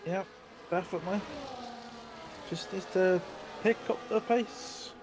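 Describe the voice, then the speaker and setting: A man's voice: sits high, steady tone, measured pace. A man giving conversational analysis as co-commentator on a live esports race. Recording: noisy mic with droning buzz.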